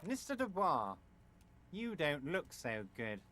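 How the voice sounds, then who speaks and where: A high, sing-song fussy businessman, game dialogue, music under. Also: very animated, slow pace, a bit bright, exaggerated voice. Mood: concerned. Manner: soothing, overly reassuring. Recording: game audio with music behind.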